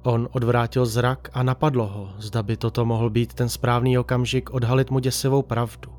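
A man calmly reading a dark story aloud as narrator, in an even storytelling manner. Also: mid-range voice.

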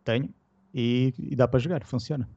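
A man's voice: mid-range voice, steady tone, fairly quick, dark tone, husky, no room sound, highs cut off. A man with a European Portuguese accent chatting casually and using plenty of slang. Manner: colloquial, slangy. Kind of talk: casual chat about retro gaming.

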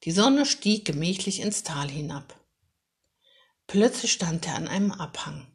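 A woman reading a children's story aloud in a calm, measured and expressive way. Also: lowish voice. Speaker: narrator.

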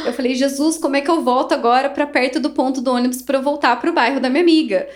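A woman's voice: high-pitched, steady tone, fast. A young Brazilian woman with a Brazilian Portuguese accent, telling a travel story casually, acting out dialogue and laughing often.

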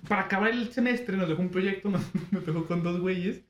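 A young man with a Mexican Spanish accent telling a school story in casual chat, joking and animated, with lots of slang. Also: high voice, fairly quick, muffled recording. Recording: echoey room, faint background hum.

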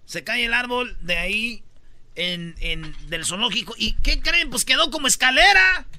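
A man with a Mexican Spanish accent hosting a comedy podcast, telling joking stories and shouting out quotes in put-on high voices. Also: expressive, measured pace. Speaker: podcast host. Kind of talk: joking storytelling chat.

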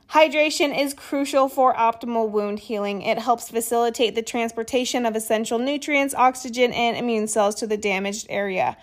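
Higher-voiced woman explaining skincare. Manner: steady reading with small stumbles and casual asides. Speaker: skincare educator. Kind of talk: reading an explainer with asides.

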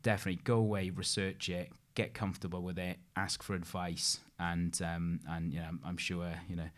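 A man's voice: low voice, level tone, brisk. A man with a British accent explaining things conversationally as an interview guest, informal and rambling with repeated phrases. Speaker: interview guest, investment expert.

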